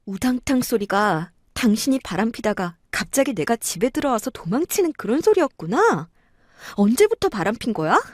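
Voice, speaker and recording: A woman narrating a dramatized first-person story in a lively, indignant way. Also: a little high, normal speed, dry recording, clean studio sound.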